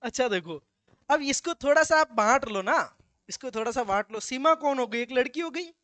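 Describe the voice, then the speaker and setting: A man's voice: very high-pitched, lively intonation, moderate pace, bright, forceful tone, dry recording. A male teacher giving a classroom grammar lesson, with joking asides and slips into local dialect.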